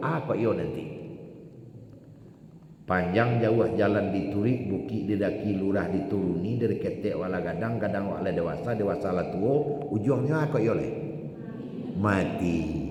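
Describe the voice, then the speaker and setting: A man with a Minangkabau accent preaching an Islamic sermon to a congregation. He questions his listeners directly and swings dramatically between hushed and loud emphasis. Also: deep voice. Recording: echoey hall reverb, faint background noise.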